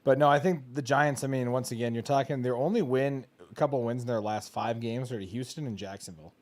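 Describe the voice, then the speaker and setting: A man's voice: medium pitch, fast, darkish tone. A man hosting a casual sports betting chat, joking and rambling. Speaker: host.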